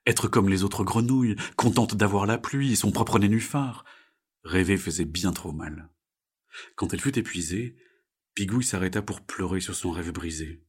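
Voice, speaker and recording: A man reading a children's story aloud in an expressive, gentle way. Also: deep voice, slightly rough.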